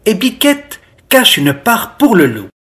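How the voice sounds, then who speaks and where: A storyteller reading a children's picture book aloud in a slow, expressive way. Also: medium pitch.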